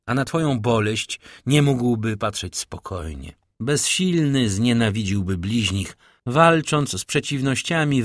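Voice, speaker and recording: A man reading the measured, solemn speech of a dignified nobleman in an audiobook. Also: lowish voice, fairly bright tone, no echo, studio quality. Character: dignified, consoling nobleman count.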